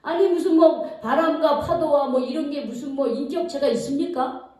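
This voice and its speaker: A woman's voice: high-pitched, normal speed, a little mellow. A woman preacher giving a sermon, telling a story vividly and quizzing the congregation as she goes. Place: church sanctuary. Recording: echoey hall, mic from far off.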